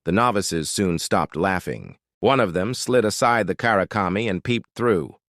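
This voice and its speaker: A man tells a folktale in a low voice, expressive and dramatic, placing his emphasis deliberately. The studio recording is clean, with no room sound.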